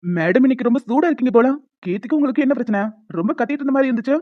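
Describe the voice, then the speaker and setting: A woman voicing a prying young male student who presses his professor in an animated story. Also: high-pitched, rapid-fire, narrow, tinny audio. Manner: prying, insistent.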